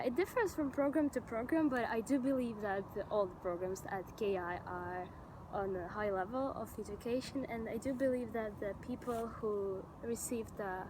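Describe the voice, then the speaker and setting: A young woman from Estonia talks casually into her camera while sitting outdoors. Her voice sits a little high, and she is eager and chatty, full of "like" and "um". A faint outdoor ambience hums behind her. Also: noisy background. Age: young adult. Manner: chatty and enthusiastic, with many fillers. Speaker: vlogger. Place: outdoors on grass, sitting on a stone.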